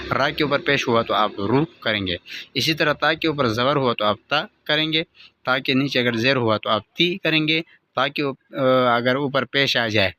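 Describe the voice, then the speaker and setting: A man's voice: medium pitch, sharp tone, a little hiss or hum. Patient male teacher sounding out letters. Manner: slowly sounds out each letter and vowel in drills; patient step-by-step explaining. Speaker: Quran reading teacher. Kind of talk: online lesson.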